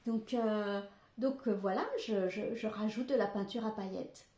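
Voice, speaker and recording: Medium-pitched and mellow, this older woman speaks at a measured pace on her home-recorded craft podcast. The echoey room carries her casual, rambling chat, full of fillers and side remarks.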